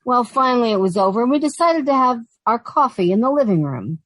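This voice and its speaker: A woman's voice: a little high, big pitch swings, brisk, dry recording, poor audio. Woman playing wry, sensible young secretary, dry sound. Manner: wry, proper. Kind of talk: 1940s radio comedy acting and narration.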